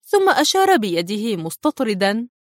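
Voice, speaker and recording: Lady reading a thriller audiobook, very expressive, swoops around, dry sound. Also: a little high, normal speed, dry recording. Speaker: narrator. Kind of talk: audiobook narration.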